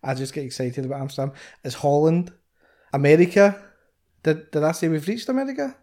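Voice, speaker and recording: A man with a Scottish accent co-hosting a podcast, chatting in excitable, rambling banter. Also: on the high side, brisk. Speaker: podcast co-host. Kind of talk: casual chat.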